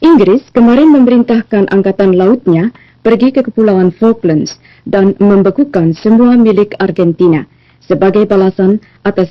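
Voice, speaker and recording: Woman, newsreader, formal bulletin, measured delivery, old 1980s broadcast sound, muffled lo-fi, dry. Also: mid-range voice, no room sound. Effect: old 1980s television news broadcast sound. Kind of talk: formal television news bulletin reading. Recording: dull, lo-fi, dry archive broadcast audio.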